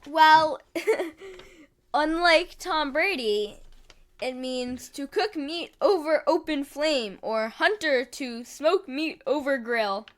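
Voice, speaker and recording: High-voiced bubbly woman chatting on a podcast, teasing and giggly. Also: slow pace. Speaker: podcast co-host. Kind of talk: casual chat.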